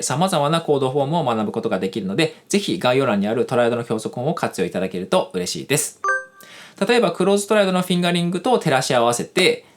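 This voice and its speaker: Animated, fast-talking man teaching guitar. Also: on the high side. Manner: polite, explanatory, with casual fillers. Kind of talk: scripted lesson narration. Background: guitar music.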